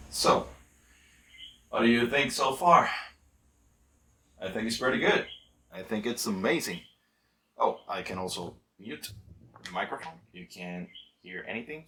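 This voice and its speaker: Low-voiced slow-talking male vlogger. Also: slight background noise, low-quality recording. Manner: relaxed, chatty, thinking aloud. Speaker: channel host. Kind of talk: casual unboxing vlog. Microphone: podcast mixer microphone.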